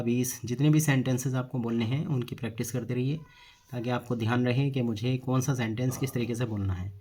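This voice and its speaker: A man teaching spoken English, slowly repeating each example sentence twice. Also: medium pitch, warm tone. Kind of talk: spoken English lesson in Hindi.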